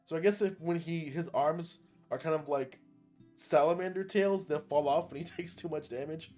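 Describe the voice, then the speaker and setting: A young man giving an excitable, slangy anime recap, often laughing as he talks. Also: a little high, normal speed, soft background music. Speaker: anime reviewer. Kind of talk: casual recap commentary.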